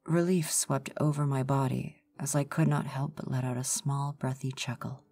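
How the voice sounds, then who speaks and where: A woman giving an ASMR horror story reading, in measured, formal storytelling. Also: very deep voice, steady tone, mellow. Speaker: narrator.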